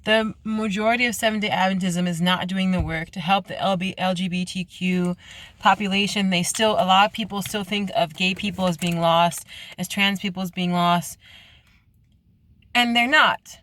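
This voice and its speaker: A woman's voice: mid-range voice, steady tone, a bit bright, no echo. Earnest young woman vlogging from her car. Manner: earnest, halting, with many restarts. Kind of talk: late-night confessional vlog. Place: parked car at night.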